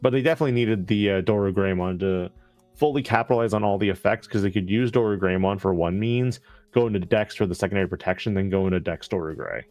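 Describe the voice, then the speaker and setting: A man co-casting a card game tournament live, calmly breaking down the plays. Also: on the low side, quick pace, dry recording, faint music behind. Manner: calm, explanatory, breaks down plays. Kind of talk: live color commentary.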